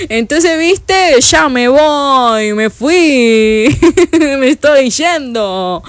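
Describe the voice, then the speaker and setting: In a dry recording, a Salvadoran woman in her fifties speaks in a high, animated voice, drawing out her words. She leads worship at a church and here chats fondly with her live-stream audience, reading their comments and laughing a lot. Her Salvadoran Spanish accent colors the relaxed, casual talk.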